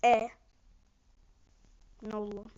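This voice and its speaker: A woman streamer giving live gameplay commentary, excitable and swinging between low mutters and sudden outbursts. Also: very slow, no room sound. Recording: muffled lo-fi screen recording.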